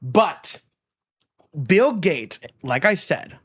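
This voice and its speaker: A man's voice: high voice, sing-song, very slow, fairly bright tone, husky. A man from Florida hosting a podcast, ranting casually with lots of profanity and repetition. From Miami, United States. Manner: profane, emphatic, repeats himself. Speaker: podcast host.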